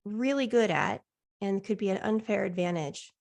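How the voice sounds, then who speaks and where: Woman life coach, encouraging and reflective, a touch of vocal fry. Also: medium pitch, moderate pace, darkish tone. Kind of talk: coaching session.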